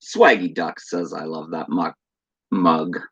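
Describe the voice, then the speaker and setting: A man's voice: low voice, fairly even intonation, slow, fairly bright tone, slightly rough, rough recording. Laid-back man reading out viewer comments. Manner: laid-back, chatty, greets viewers by name. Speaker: horror channel host. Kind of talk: casual live-stream chat, reading viewer comments.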